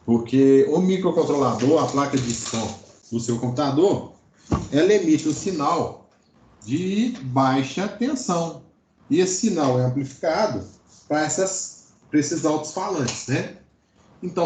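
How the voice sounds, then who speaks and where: Teaching electronics informally online, this Brazilian man speaks at a fairly high pitch and measured pace, his tone slightly mellow, with a bit of hiss or hum. He explains material and often adds brief check-in tags, and the audio echoes as in a large room.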